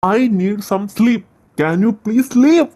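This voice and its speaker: A woman voicing a young man who wakes from a troubling dream in a fan audio drama, speaking slowly, curtly and wearily. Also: dark tone. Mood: weary. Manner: slow, low and weary, dismissive.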